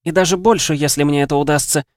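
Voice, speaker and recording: A man reading an audiobook, voicing a hot-headed young woman duelist who snaps and shouts. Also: a little high, steady tone, quick pace, dry recording, clean studio sound, voice pushed up, close to an everyday voice. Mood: furious. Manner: snapping, shouting.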